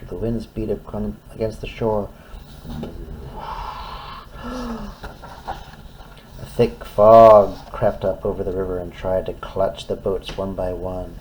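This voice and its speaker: A man's voice: low voice, animated, slow pace, long pauses, noisy background. A man reading a children's story aloud expressively, in simple phrases as if to a toddler. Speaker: storytime reader.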